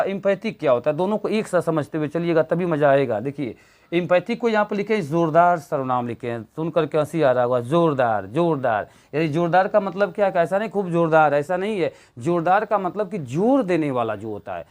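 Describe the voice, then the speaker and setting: A man's voice: on the high side, darkish tone. A man teaching an English grammar lesson, constantly asking the class questions and answering them himself, with fillers and repeated key words.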